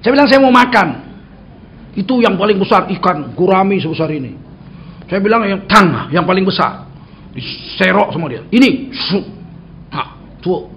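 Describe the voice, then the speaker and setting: A man's voice: sits high, normal speed, pauses often, lo-fi sound, a little hiss or hum. A man preaching a sermon in a mosque, telling stories and acting out dialogue. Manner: storytelling, acting out dialogue with lively shifts.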